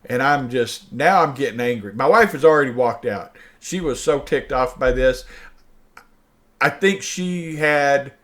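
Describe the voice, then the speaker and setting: Older male host telling a true story, lively and animated, voicing both sides of the conversation. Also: mid-range voice, unhurried. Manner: animated, acts out dialogue, laughs mid-sentence. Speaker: show host. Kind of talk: personal storytelling.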